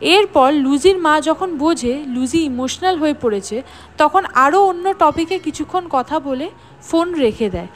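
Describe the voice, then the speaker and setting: A woman's voice: high voice, a little slow. A woman narrating the plot of a drama scene by scene and reading out the characters' lines as she goes. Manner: lively storytelling, reading out each character's lines. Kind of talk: scripted story narration.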